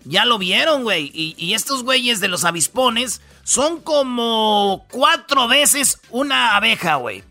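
A Mexican man hosts a radio comedy show. He retells odd news stories in casual, slang-heavy banter and pads his sentences with fillers. His voice sits high and sounds bright. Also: expressive, a little slow, hardly any pauses, faint music behind. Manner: slangy, storytelling, lots of fillers.

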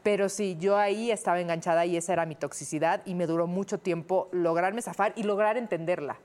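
A woman's voice: lowish voice, fairly even intonation, brisk, a little mellow. A woman co-hosting a podcast, talking candidly and reflectively in casual chat. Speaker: podcast co-host.

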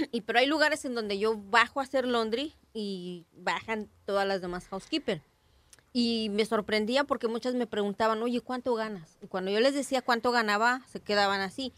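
A woman's voice: a little high, moderate pace, fairly bright tone, dry recording. A woman telling a story in a casual chat, mixing English words into her Spanish.

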